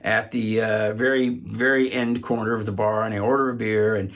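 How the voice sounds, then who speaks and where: A man telling a personal story, halting often to repeat and restart his words. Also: fairly low pitch, little pitch movement, a bit bright.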